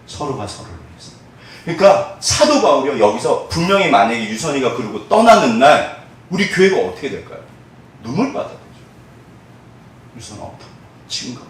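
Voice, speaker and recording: A man preaching a sermon as pastor, lively and expressive, acting out the voices of church members and dropping to hushed tones when he prays. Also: mid-range voice, fairly quick. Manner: animated, acts out quoted voices of church members; drops to soft, hushed tones in prayerful moments. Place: church sanctuary. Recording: echoey church hall, mic at a distance.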